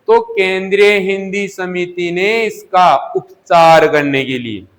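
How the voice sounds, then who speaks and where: Male teacher, high voice, unhurried; quizzes the class and answers himself, drills key words. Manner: asks questions and answers them himself, repeating key words. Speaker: Hindi teacher. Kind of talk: classroom lesson. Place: coaching classroom.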